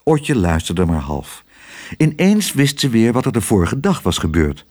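A man narrating a children's audiobook in an expressive storytelling manner. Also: fairly low pitch, a little slow.

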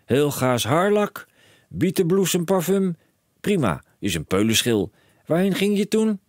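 A man doing a shrill, frantic storybook dad. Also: very animated, measured pace, no room sound, clean studio sound. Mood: overexcited. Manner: shouting, breathless overexcited rants. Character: excitable bellowing middle-aged father, inventor-mad. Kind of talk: audiobook character voice.

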